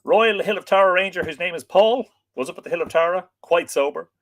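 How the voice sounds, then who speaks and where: A man's voice: sits high, brisk, a bit bright. Lilting Irish man hosting a livestream. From Ireland. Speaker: livestream host and storyteller. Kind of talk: informal livestream chat, reading out viewer greetings.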